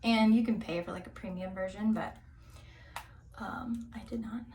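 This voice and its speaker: A woman's voice: medium pitch, steady tone, moderate pace, vocal fry, mellow, a little hiss or hum. Young woman babbling through a hair tutorial, lots of ums, mid voice, bit far from the mic. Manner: chatty and rambling, many fillers, drops into whispers. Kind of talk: casual rambling tutorial chat.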